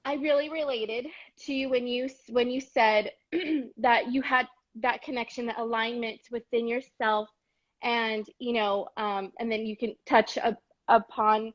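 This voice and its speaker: A high-pitched woman hosts a casual live-stream conversation, gushing and effusive with many fillers. The sound is dull and lo-fi, like a video-call stream. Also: fairly even intonation, unhurried. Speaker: host.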